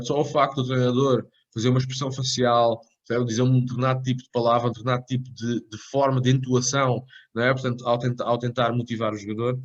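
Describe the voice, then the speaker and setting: A man lecturing on a coaching course, rambling with frequent tag questions and restarts. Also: medium pitch. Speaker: tennis coach educator. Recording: dull lo-fi recording.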